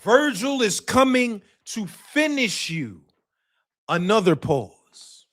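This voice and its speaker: Here a man runs a live boxing talk stream in a high, very animated voice, speaking slowly. He is casual and emphatic, says his points repeatedly, curses, and erupts into shouting.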